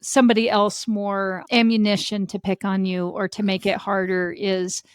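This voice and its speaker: A woman's voice: medium pitch, little pitch movement, normal speed, smooth, no room sound, studio quality. A woman hosting a podcast interview, asking long questions and affirming her guest often. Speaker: podcast host.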